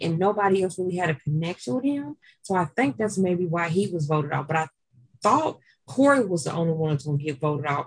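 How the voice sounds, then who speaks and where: A woman co-hosting a casual chat about a reality dating show, thinking out loud in long rambling explanations. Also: fairly low pitch, husky, rough recording.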